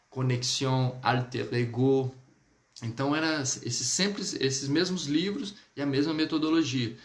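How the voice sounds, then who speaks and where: A chatty Brazilian man with a Brazilian Portuguese accent teaches French in a relaxed live online class. He repeats phrases slowly so listeners can practice along. His mid-pitched voice carries a roomy echo.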